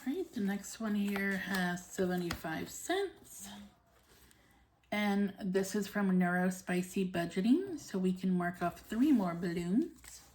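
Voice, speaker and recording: Unhurried woman chatting over background noise. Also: medium pitch, animated, darkish tone. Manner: unhurried, murmuring counts to herself. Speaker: budgeting channel host. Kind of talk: casual narration of hands-on task. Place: at home, indoors. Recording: noisy home recording with clicks.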